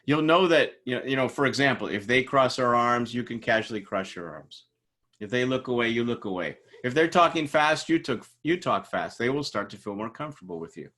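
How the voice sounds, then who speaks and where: A man's voice: mid-range voice, a little fast, pushed and bright. A man teaching a recorded lecture in a casual, conversational way, with frequent fillers and restarts.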